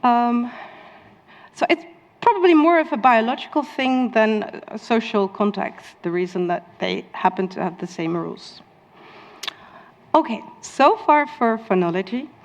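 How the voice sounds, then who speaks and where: Woman, Dutch native, conference lecturer, unhurried delivery with frequent ums, long reverb from the hall. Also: a little high, lively intonation. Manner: many ums, laughs at own asides. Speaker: speaker at a conference talk. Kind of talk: lecture on linguistics.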